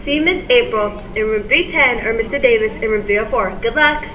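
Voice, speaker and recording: High woman's voice over a school intercom. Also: a little fast, sharp tone, muffled recording. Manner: upbeat, sing-song sign-offs. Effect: over a school intercom speaker. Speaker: school announcer. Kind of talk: reading school announcements. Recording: echoey, distant, noisy intercom.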